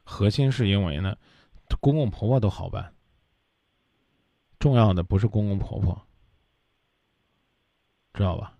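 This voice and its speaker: A man's voice: on the low side, measured pace, creaky, pauses often, warm tone, dry recording, lo-fi sound. A man hosting a radio advice show, lecturing a caller bluntly and scolding her.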